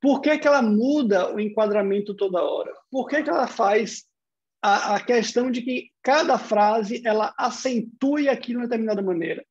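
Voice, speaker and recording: A man's voice: extremely high pitch, normal speed, highs cut off. A man with a Brazilian Portuguese accent giving an online university lecture, explaining step by step and posing rhetorical questions.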